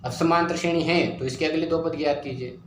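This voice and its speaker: A man's voice: a little high, fairly even intonation, fast. A man teaching a math lesson, repeating steps and asking and answering his own questions. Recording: very echoey room, faint ambient noise.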